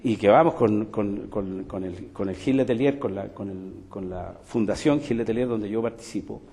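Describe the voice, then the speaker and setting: A man's voice: lowish voice, moderate pace, mellow. An older man with a Chilean Spanish accent giving an emphatic public talk as a music teacher and folklorist, full of rhetorical questions and asides. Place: cultural center hall. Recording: long hall reverb.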